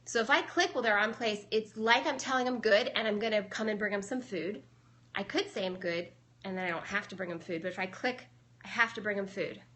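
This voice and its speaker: A woman's voice: medium pitch, fairly quick, sharp tone, slight background noise. A young adult woman, a dog trainer, casually explaining her methods on a live stream and answering viewers, chatty with many fillers.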